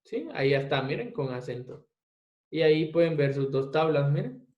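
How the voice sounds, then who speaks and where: Echoey lo-fi teacher explaining software. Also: male voice, fairly high pitch, animated, moderate pace. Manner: step-by-step, asks the class rhetorical questions. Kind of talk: screen-recorded software tutorial. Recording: echoey room, dull lo-fi mic.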